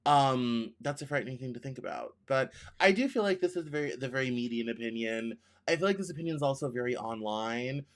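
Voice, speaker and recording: An American man in his thirties hosts a news show as casual commentary, speaking in a mid-range voice with a clean tone. He rambles and corrects himself as he thinks aloud.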